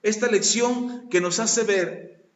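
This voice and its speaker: A man preaching a sermon in an earnest way, swinging between soft and loud, calling his listeners brother. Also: high voice, slow. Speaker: pastor. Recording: echoey hall, dull lo-fi sound.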